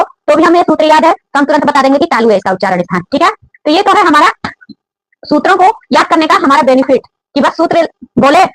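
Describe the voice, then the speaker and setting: Female teacher, high voice, dry close sound, asks and answers her own questions, chants the rules slowly. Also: no room sound, poor audio. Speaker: Sanskrit grammar teacher. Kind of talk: classroom-style grammar lesson.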